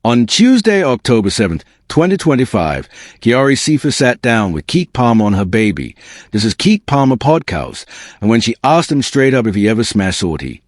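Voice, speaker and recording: A man's voice: mid-range voice, sing-song, moderate pace, dry recording, studio quality. A man hosting a scripted celebrity gossip exposé, using hip-hop slang in a smug, sarcastic, incredulous manner. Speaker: gossip show host.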